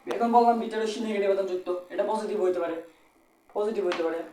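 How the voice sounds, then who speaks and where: Teaching exam-prep physics fast, this tutor speaks with a colloquial Bangladeshi Bengali accent in a high, mellow voice. He repeats himself and asks and answers his own questions, while the poor audio carries a roomy sound and a little hiss or hum.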